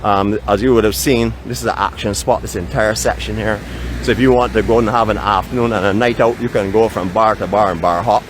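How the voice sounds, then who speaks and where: A Barbadian man hosts a live walking-tour vlog, phone in hand, strolling outdoors beside a beach boardwalk with street noise behind him. His voice is fairly low with fairly even intonation, and he talks a little fast. He's chatty and makes jokes at his own expense.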